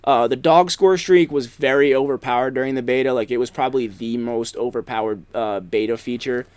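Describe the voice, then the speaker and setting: A man's voice: medium pitch, fairly even intonation, a little fast, darkish tone, clean tone. A young man giving casual, rambling commentary over gameplay, swearing often and filling gaps with ums and likes. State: has the hiccups. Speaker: gaming YouTuber.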